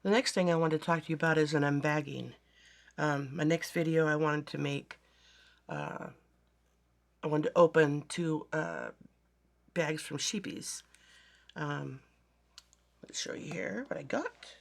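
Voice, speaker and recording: A yarn crafting vlogger, hoarse from a bad cold with a raspy voice, chatting casually to viewers about finished projects. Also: mid-range voice, a little slow, long pauses. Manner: chatty, meandering, talks to viewers directly. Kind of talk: casual show-and-tell vlog.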